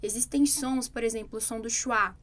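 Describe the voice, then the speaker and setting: A woman with a Brazilian Portuguese accent chats on a casual podcast. Her voice sits a little high. She speaks in an encouraging, agreeable way, like a teacher cheering on her students. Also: normal speed, a bit bright. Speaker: English teacher, podcast co-host.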